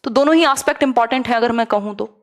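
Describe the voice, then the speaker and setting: A young woman with a Hindi accent leads a live online exam-prep lesson. Her voice sits a little high, and she keeps asking rhetorical questions while mixing English terms into her explanations. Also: very fast. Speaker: teacher.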